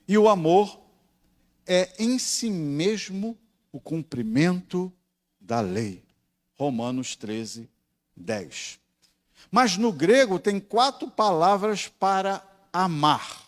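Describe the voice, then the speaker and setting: A man with a Brazilian Portuguese accent, a pastor teaching a Bible study class. He explains step by step, often checks in with his students and slows down to stress key words. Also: high voice, lively intonation.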